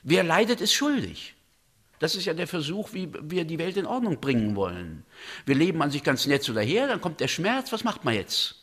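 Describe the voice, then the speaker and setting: A man's voice: sing-song, brisk, a bit bright. A man giving a thoughtful, explanatory talk on a religious drama, lifting his voice when he quotes. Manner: thoughtful, explanatory, voices quotations with raised pitch.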